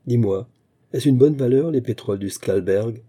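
A man's voice: medium pitch, normal speed, dark tone, breathy edge, lightly acted. A man voicing a sly chirpy actress. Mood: coaxing.

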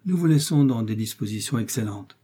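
A man's voice: medium pitch, expressive, brisk, mellow, breathy edge. A man voicing a meek, deferential village priest who speaks mildly. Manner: mild and mechanical.

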